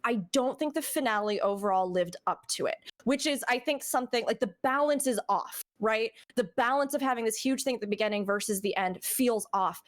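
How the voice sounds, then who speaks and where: A woman streamer hosting a podcast, chatty and animated, full of fillers and asides. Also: fairly high pitch, fairly quick, hardly any pauses. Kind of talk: casual podcast discussion.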